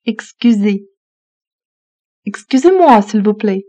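A woman slowly reading French phrasebook lines, saying each one twice in an even manner. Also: mid-range voice. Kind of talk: slow repeated phrasebook reading.

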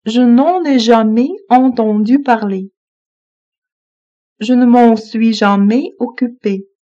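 A woman reads phrases aloud slowly, repeating each one evenly. Her voice is mellow and a little high. The recording sounds dull and lo-fi. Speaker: French phrase reader. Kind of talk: slow repeated phrasebook reading.

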